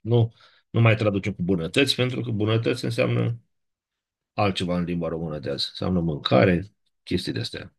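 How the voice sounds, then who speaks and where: A man with a Romanian accent teaching a Latin class, explaining in a measured way and often checking in with the students. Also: fairly low pitch, gravelly, husky. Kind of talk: classroom lecture.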